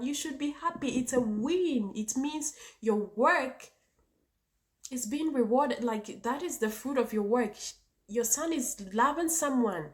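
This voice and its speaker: A woman with a Ghanaian accent speaking emphatically to her viewers as a vlog host, repeating points and posing rhetorical questions. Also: sits high. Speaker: vlogger and channel host. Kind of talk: opinionated personal talk to viewers.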